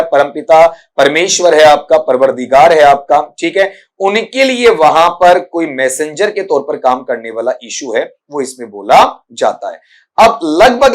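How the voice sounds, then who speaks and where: Male English teacher. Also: fairly high pitch. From India. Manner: repeats words slowly, addresses students as beta. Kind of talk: exam prep lesson.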